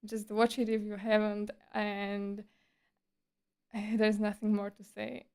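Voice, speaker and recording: A woman's voice: mid-range voice, monotone, slow pace, a little mellow, clean tone. A woman streamer chatting casually in a livestream monologue, with a breezy, playful and slightly coy, teasing manner.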